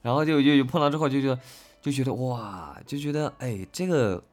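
A voice actor reads interview questions aloud and answers them in a casual, unscripted chat. His medium-pitched voice moves fairly quickly as he thinks aloud, often repeating phrases.

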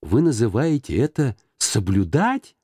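A man's voice: medium pitch, big pitch swings, a little slow, warm tone, husky, dry recording. A man voicing a cheerful, earnest young man who pleads eagerly with his uncle, in a dry audiobook reading.

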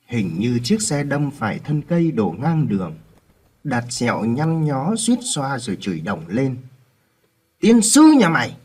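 A man reads a ghost story aloud in a dramatic, expressive way. His voice is mellow and a little husky, and his pitch moves a lot. Soft music plays underneath. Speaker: narrator. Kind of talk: scripted ghost story narration.

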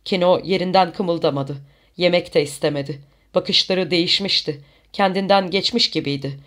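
Steady reader narrating a novel aloud, calm scripted delivery, middling pitch. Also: moderate pace. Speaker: audiobook narrator.

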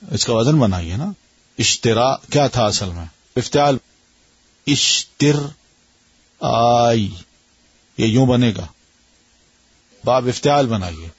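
This is a man with a Pakistani accent leading a grammar lesson, his voice husky with a breathy edge. He questions his students patiently and sounds out word patterns slowly. The recording is dry and muffled, like a lo-fi lecture tape. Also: mid-range voice, no room sound. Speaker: Arabic grammar teacher. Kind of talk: classroom lesson.

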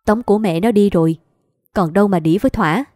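A woman's voice: medium pitch, fast talker, dark tone, no room sound, clean studio sound, close to an everyday voice. A woman voicing a sullen cursing husband. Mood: gruff grumbling. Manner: grumbling, cursing, offhand drawl. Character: gruff, sullen middle-aged husband, a gambler.

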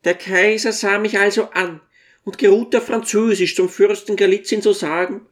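A reader voicing a tiny, humble old dwarf who tells his story with gentle deference in an audiobook. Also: medium pitch, steady tone, normal speed, lightly acted. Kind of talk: audiobook character reading.

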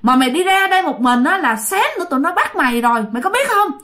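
A woman voicing a tall young village man who scolds a lost child loudly and rapidly while telling a ghost story. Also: high-pitched, sing-song, pitched above the performer's own voice. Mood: scolding.

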